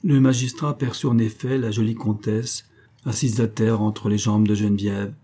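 Give me a low-voiced man calmly narrating a classic novel. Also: moderate pace, breathy edge. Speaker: audiobook narrator. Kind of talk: literary audiobook narration.

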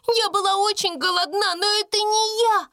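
A woman voicing a frightened poor young servant girl who pleads in a high, tearful voice in a storybook reading. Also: steady tone, moderate pace, bright, forceful tone, no room sound, full character voice. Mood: sobbing pleading.

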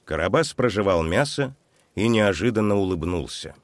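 A man's voice: sits low, lively intonation, normal speed, no echo, studio quality. A man narrating a children's story expressively and dramatically.

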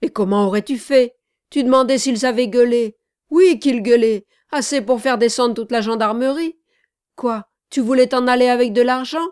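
A woman voicing a coarse male accomplice who answers in mumbled, gruff retorts. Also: medium pitch, fairly quick, hardly any pauses, dry recording, clean studio sound, lightly acted.

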